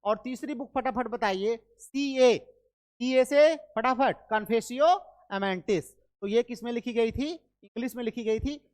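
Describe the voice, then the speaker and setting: An Indian woman teaching literature for exams, mixing Hindi with English terms and drilling facts through repetition and quick quiz questions. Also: fairly high pitch, darkish tone. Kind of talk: online exam-prep lecture.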